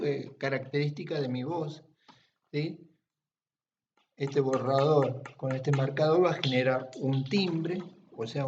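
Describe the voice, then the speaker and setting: Male teacher, fairly high voice, patient step-by-step explainer, distant muffled home recording. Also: a little mellow, roomy sound, a little hiss or hum. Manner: patient, checks understanding with frequent tag questions. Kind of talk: classroom-style explanation.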